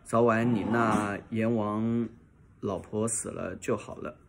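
Audiobook: man voicing a spiteful, scheming servant's wife, low and creaky. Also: steady tone, takes it slowly, very noisy. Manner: conspiratorial, spiteful.

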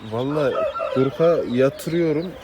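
A man's voice: on the high side, unhurried. A man who keeps poultry, answering questions in a plain, matter-of-fact way with hesitant fillers. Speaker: poultry keeper, garden owner. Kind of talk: casual interview answers. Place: outdoor garden with poultry. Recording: clear outdoor noise with chickens.

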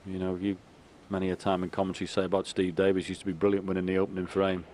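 Man, very low voice, hushed snooker commentary, unhurried, clear arena noise behind. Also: monotone. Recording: noisy arena ambience behind voice. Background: snooker arena ambience.

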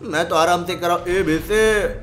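High-voiced excitable man doing goofy cartoon voices. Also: moderate pace, slight background noise. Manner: excitable, playful, switching between goofy character voices. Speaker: gaming YouTuber. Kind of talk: excited gameplay commentary with cartoon character voices.

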